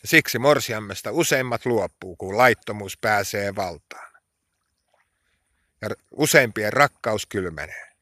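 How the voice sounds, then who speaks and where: A man preaching a sermon, slow and emphatic, his voice rising into pleading, impassioned cries when he prays. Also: on the low side, expressive, bright, forceful tone, no room sound.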